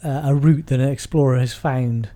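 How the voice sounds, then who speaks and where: Mellow male co-host, explains clearly with a light playful touch. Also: medium pitch, fairly even intonation, moderate pace. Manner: playful, explains terms plainly. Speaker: podcast co-host, clinician. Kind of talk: casual educational chat.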